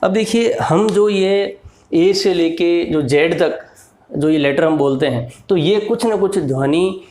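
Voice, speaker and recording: A man's voice: high-pitched, slow, darkish tone, reverberant. A man teaching English to beginners, explaining each letter's sounds and patiently repeating words and examples. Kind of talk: slow explanatory lesson.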